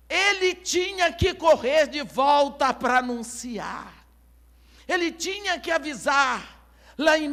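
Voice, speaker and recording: A woman's voice: high-pitched, a bit bright. A woman preacher delivering an impassioned, dramatic storytelling sermon at a church service.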